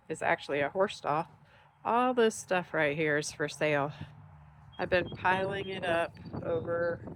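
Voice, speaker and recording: A middle-aged woman with a lowish voice chats to her viewers as she cleans, sounding a bit congested and nasal. Her camera mic catches the faint hum of a dusty country barn behind her. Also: fairly bright tone. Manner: chatty, upbeat, talking to viewers while working. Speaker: vlog host. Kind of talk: casual vlog narration.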